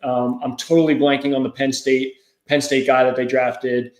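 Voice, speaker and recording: A man with a mid-range voice, talking sports in a measured, unhurried way as a podcast co-host, full of fillers and restarts. His voice is recorded in an echoey room that gives it a roomy ring. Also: mid-range voice, little pitch movement. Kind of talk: casual sports chat.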